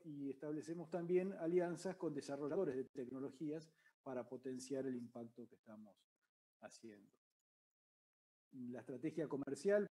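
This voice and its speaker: Measured man pitching his startup. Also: mellow, poor audio. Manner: measured, with hesitant restarts. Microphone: video call.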